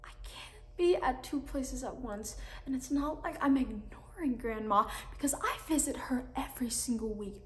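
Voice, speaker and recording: Anguished, defensive teen daughter played by a young actress, high voice, dramatic monologue in an echoey room. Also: female voice, darkish tone. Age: young teenager, 14. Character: anguished, defensive teenage daughter and musician pleading. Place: small plain indoor room.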